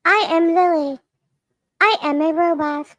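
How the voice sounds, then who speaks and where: A young woman putting on a flat, monotone robot voice-assistant voice. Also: very high-pitched, a little slow, no echo, voice pushed up. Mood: deadpan robotic. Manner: breaks into giggles.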